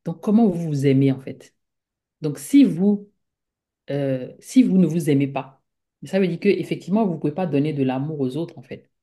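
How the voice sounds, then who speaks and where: A woman's voice: low-pitched, expressive, normal speed, warm tone. A woman from Africa, a guest speaker, talking conversationally in a rambling way full of fillers and repeated words, and acting out her own thoughts as little quoted speeches. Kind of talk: conversational talk.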